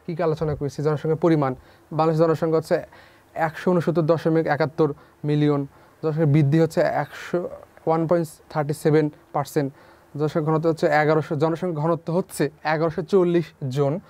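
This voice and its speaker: Young male tutor with a somewhat high voice for a drill-style online lesson. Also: little pitch movement, fast talker, a little mellow, no echo. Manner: repeats key figures as questions to students. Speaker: teacher. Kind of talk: online class lecture.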